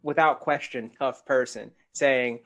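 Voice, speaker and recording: A man's voice: medium pitch, fairly even intonation, a little slow, a bit bright, lo-fi sound. Laid-back man swapping wrestling stories. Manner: swearing, laughing, storytelling. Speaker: podcast co-host. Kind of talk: casual chat.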